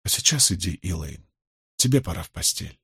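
Guy reading an older gleeman, low husky voice, gruff but gentle. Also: animated, normal speed, dry recording, clean studio sound. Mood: tender.

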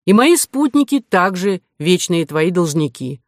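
Young male hero, read by a woman: polite, stubborn, measured, lowish and dry. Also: very animated, no room sound. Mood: placating. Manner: measured, placating. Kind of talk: audiobook character voice.

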